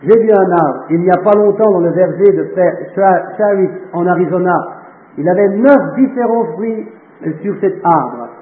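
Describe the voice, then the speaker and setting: A man preaching a sermon, fervent and slowing down to stress phrases, reading scripture aloud between remarks. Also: high voice. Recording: echoey, tinny phone-like audio.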